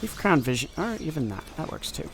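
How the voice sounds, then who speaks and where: Gravelly man thinking aloud over gameplay. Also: medium pitch, sing-song, fairly quick, a bit bright, slight background noise. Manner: thinking aloud while playing, offhand. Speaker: card game streamer. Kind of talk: casual gameplay commentary.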